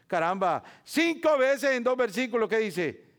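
A pastor preaches a sermon in church in a very high, sing-song voice at an unhurried pace. He repeats phrases, poses rhetorical questions to the congregation, and swings from quiet talk to loud, emphatic passages.

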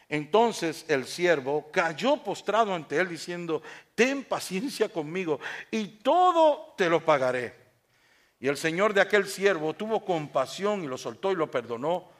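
A pastor, preaching a sermon with rhetorical questions and acted-out stories. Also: male voice, fairly high pitch, a bit bright.

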